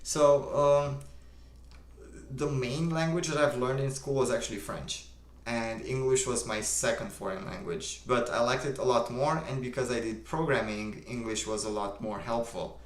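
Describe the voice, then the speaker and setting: A young man from Romania with a Romanian accent, calmly reading viewer comments aloud and answering them on a live stream. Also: mid-range voice, normal speed, roomy sound. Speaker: livestream host. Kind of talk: casual live-stream chat.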